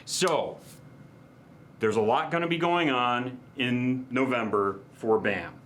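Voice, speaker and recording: A man's voice: medium pitch, takes it slowly, a bit bright, a little hiss or hum. A man co-hosting a hobby video show, chatting casually and drifting into playful wordplay. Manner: chatty, wordplay and rambling asides. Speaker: co-host. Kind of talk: casual chat.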